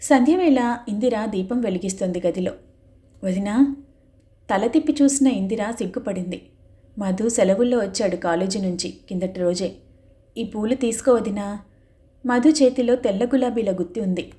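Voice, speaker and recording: A woman narrating a novel in a steady, even storytelling manner. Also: medium pitch, a little fast. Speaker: audiobook narrator.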